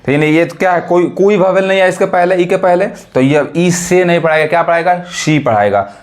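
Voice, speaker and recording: A man teaching a lesson, asking questions and answering them himself and spelling out letters slowly. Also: high voice. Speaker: English teacher. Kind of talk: classroom-style lesson explanation.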